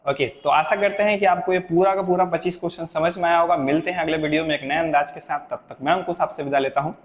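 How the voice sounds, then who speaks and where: A man's voice: fairly high pitch, fairly even intonation, quick pace, reverberant. A male computer teacher leading an exam-prep lesson, explaining step by step, repeating the answers and asking rhetorical questions.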